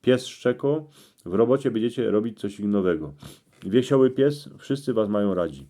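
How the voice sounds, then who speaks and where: A man with a Cieszyn Silesian accent reading out interpretations in dialect, in terse phrases with pauses. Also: lowish voice, animated, mellow. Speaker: presenter explaining dream meanings.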